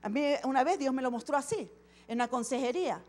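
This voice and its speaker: A woman pastor giving an animated sermon at a church service, acting out short dialogues as she preaches. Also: high-pitched, fast talker.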